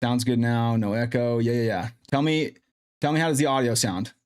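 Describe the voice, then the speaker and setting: Here a livestream host reasons out loud, chatting casually as he fixes his mic and sound. His medium-pitched voice is slightly mellow and clean, fairly even in intonation and moderate in pace, picked up by a streaming mic with in-ear monitoring over faint music.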